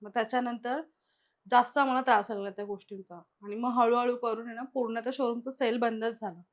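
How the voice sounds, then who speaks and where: Chatty woman telling a story, slightly high. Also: steady tone, fast. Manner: chatty, retells events with lots of quoted dialogue. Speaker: guest sharing personal experiences. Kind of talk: casual spoken storytelling.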